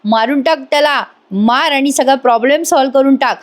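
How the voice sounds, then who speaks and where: A woman voicing a scheming middle-aged aunt who yells from a distance, egging the men on to violence. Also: high voice, brisk, pitched above the performer's own voice, natural voice. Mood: shrill. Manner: shouting, egging others on.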